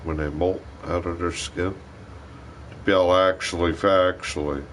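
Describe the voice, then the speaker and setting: A man's voice: low voice, fairly even intonation, unhurried, fairly bright tone, a little hiss or hum. A man chatting casually on a livestream, telling a rambling, profane story. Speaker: livestream host.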